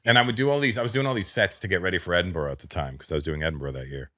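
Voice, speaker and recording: A man in his fifties with a Canadian accent, hosting a podcast and telling a story in a casual, animated way. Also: low-pitched. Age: 50s. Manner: animated, quick storytelling with imitated voices. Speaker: podcast host.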